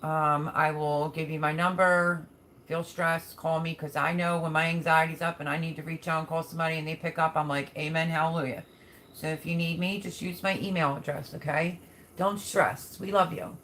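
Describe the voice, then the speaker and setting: Woman, slightly low voice, chatty livestream host, folksy and affectionate, casual delivery, faint background noise. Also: steady tone, normal speed, a bit bright. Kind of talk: casual live chat, reading and answering viewer comments.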